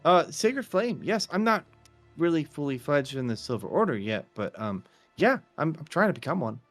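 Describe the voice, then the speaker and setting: A man's voice: a little high, sing-song, moderate pace, a bit bright, soft background music. A man playing a tabletop role-playing game, talking casually in a hesitant, stammering way as he improvises.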